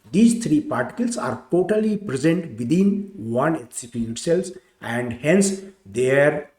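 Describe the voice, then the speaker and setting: A man teaching chemistry in a slow, deliberate lecture, repeating each point step by step. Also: mid-range voice, darkish tone, echoey room.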